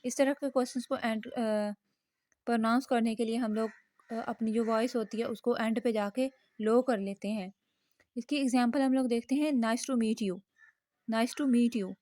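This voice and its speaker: Slightly high-voiced woman teaching linguistics. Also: fairly even intonation, darkish tone. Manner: patient, repeats each point in Hindi and English; reads English example sentences slowly. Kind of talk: explanatory linguistics lesson.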